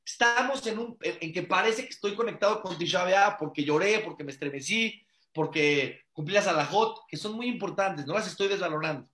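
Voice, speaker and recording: A man's voice: high voice, fairly quick, fairly bright tone, roomy sound. A man, a father and rabbi, teaching a religious class in an earnest, conversational way, repeating phrases for emphasis and asking many rhetorical questions. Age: adult father.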